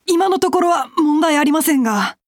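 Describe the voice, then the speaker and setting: A woman's voice: high-pitched, expressive, moderate pace, no room sound, studio quality. A woman acting a dutiful, easily flustered fighter in a fantasy drama, speaking formally and politely. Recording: music under the voice.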